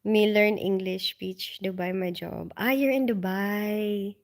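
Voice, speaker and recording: A woman's mid-range, steady voice takes its time as she runs a relaxed live stream at home late at night. She's from the Philippines and reads comments from viewers out loud, chatting with frequent ums and soft laughs while sounding drowsy and tired.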